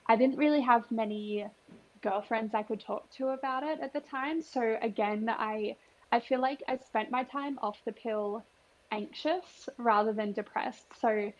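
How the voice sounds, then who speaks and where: Frank higher-voiced young woman. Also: measured pace, lo-fi sound. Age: 20s. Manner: candid, frank, eager backchannels. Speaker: podcast co-host. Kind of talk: casual chat.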